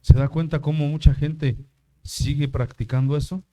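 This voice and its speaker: A man's voice: a little high, steady tone, normal speed, dark tone. An older man preaching a sermon in church, asking the congregation questions as he goes. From Mexico. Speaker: pastor.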